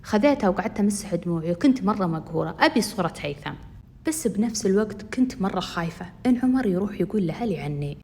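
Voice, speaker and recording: A woman's voice: mid-range voice, lively intonation, rapid-fire, darkish tone. A young woman telling a first-person story, chatting directly to her listeners.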